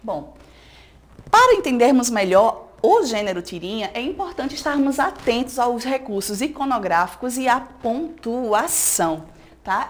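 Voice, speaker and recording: A Brazilian woman teacher with a slightly high voice delivers a recorded school lesson. She explains patiently and often tags her points with quick checks to the students. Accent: Brazilian Portuguese.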